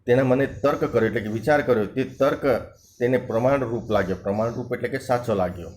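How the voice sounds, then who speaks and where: A man's voice: medium pitch, fast talker, darkish tone. A male teacher reading a textbook story aloud, stopping after each passage to restate it and explain the harder words, and acting out the dialogue lines. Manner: reads a passage, then restates and glosses words; acts out dialogue lines in a shifted voice.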